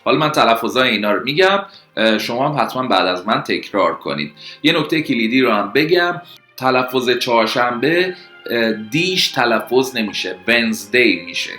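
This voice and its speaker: Bright-voiced Persian man teaching English. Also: medium pitch, very animated. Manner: slow, clear drilling of words. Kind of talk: language lesson. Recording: echoey room, faint music.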